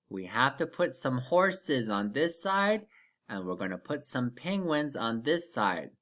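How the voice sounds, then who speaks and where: With a fairly bright, mid-range voice, a teacher guides kids through a math lesson the way a children's TV host would. It's slow and methodical, counting aloud, asking simple questions, offering encouragement, and often checking in with "okay?"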